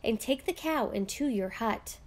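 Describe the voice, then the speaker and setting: A woman voicing a wise old village rabbi in a storybook read-aloud, giving calm, firm instructions. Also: fairly high pitch. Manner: commanding, measured.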